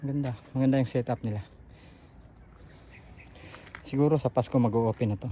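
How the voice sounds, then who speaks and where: An out-of-breath man talks to his viewers while he walks a hillside trail. His tone is mellow and easygoing. He is recorded outdoors on a handheld camera, with a faint hiss underneath. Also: mid-range voice, moderate pace. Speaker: vlogger. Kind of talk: casual running vlog narration.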